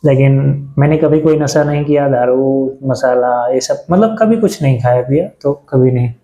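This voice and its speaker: A man in his thirties chatting reflectively to camera in a halting way, pausing and restarting often. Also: medium pitch, warm tone, roomy sound, muffled recording. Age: 30s. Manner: halting, with many pauses and restarts. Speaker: vlogger. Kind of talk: casual reflective talk to camera.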